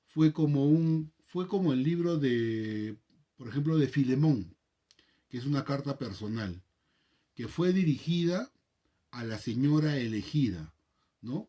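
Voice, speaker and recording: A man with a Peruvian Spanish accent, a pastor leading a Bible study, reading scripture aloud, praying and explaining the text in a measured way. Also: mid-range voice, mellow. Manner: measured, reads scripture then prays and explains.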